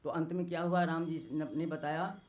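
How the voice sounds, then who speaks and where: Brief: old male katha preacher in his 80s, slightly high voice, tinny narrow-band recording. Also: fairly even intonation. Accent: Hindi, north Indian. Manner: chants verses slowly, acts out quoted women. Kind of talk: devotional discourse with sung verses.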